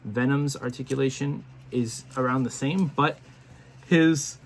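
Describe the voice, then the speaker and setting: A man's voice: mid-range voice, normal speed, a little hiss or hum. A man casually reviewing action figures to camera, chatty and rambling with lots of fillers and restarts, sounding tired and yawning. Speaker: toy reviewer.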